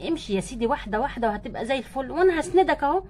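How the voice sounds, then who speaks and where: A tender but bossy young wife doll, played by a woman who coaxes and nudges in an Egyptian Arabic accent. Her high voice races along at a breakneck clip in a homemade doll-play story. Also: expressive, very fast, a little mellow, a little hiss or hum. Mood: coaxing.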